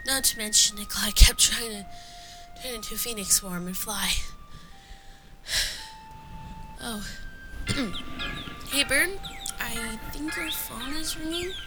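A woman's voice: a little high, slow pace, long pauses, over music. A woman voicing a chatty teenage girl who hosts a school show in an amateur audio drama, rambling and giggly. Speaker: show host.

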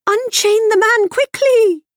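A woman voicing a wise talking mare who gives quick, urgent advice. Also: very high-pitched, no echo, studio quality, voice pushed up.

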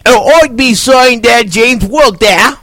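A man's voice: very high-pitched, slow, pushed and bright, no room sound, pitched above the performer's own voice, full character voice. A man putting on a jokey fake English accent for a playful pub-style character. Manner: playful, calls everyone Governor. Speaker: co-host. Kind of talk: casual banter.

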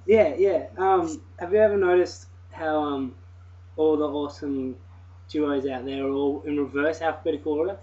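Teasing Australian young man, fairly high voice. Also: fairly even intonation, moderate pace, dark tone. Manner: jokey, teasing, eats while talking. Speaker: co-host. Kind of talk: casual chat. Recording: dull lo-fi recording with faint hiss.

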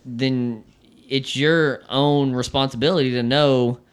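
A man co-hosting a casual talk show, explaining at length with many restarts and pauses. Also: medium pitch, fairly even intonation, clear, resonant tone. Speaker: podcast co-host. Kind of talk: casual chat.

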